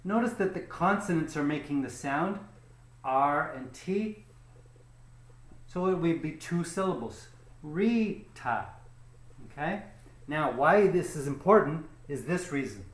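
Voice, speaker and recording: Slow, patient man teaching pronunciation. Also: on the high side, expressive, echoey room. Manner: checks in with frequent "okay?"; slow and deliberate, stretching example words. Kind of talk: slow, patient spoken lesson.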